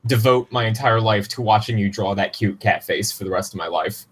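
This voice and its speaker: A man co-hosting a podcast in casual chat, animated and teasing, laughing often. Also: fairly low pitch, brisk, husky. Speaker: podcast co-host.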